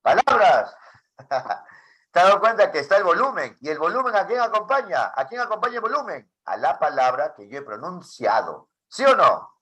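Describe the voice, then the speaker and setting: A man teaching a class for teachers, asking many questions in a lively way. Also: high-pitched, a little fast. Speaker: teacher trainer.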